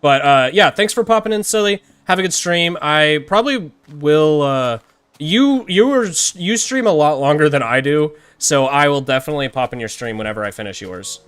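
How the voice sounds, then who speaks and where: A man's voice: on the high side, expressive, normal speed, fairly bright tone, clear, resonant tone, no echo. A man live-streaming a game, rambling and chatting with viewers, often laughing and tripping over his words. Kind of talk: live-streamed gameplay chat.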